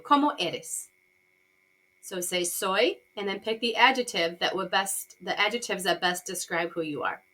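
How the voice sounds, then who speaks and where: A woman with a medium-pitched, sharp-toned voice teaches beginner Spanish. Her bilingual lesson is slow and repetitive, built on simple yes-or-no questions, with each phrase translated for the students.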